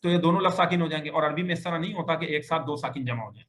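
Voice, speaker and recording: Speaking rapid-fire in a fairly high, slightly bright voice, a man teaches Arabic grammar to a class, quizzing students and making them echo the answers.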